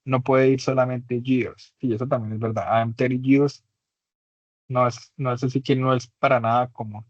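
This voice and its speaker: A man's voice: medium pitch, flat delivery, brisk, no echo. Man, Spanish-speaking English teacher, patient explanations, frequent check-ins, dry close sound, slightly dull audio. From Latin America. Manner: patient, repeats points, checks understanding with tag questions. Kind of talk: online class explanation.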